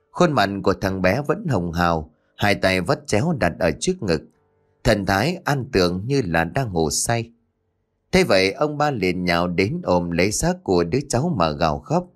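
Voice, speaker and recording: A man narrating a horror story for an audiobook in an expressive storytelling manner. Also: fairly low pitch.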